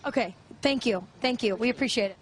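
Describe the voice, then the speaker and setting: A woman's voice: on the high side, fast, slight background noise. A woman reporter conducting a mock news interview in an earnest, straight-faced way.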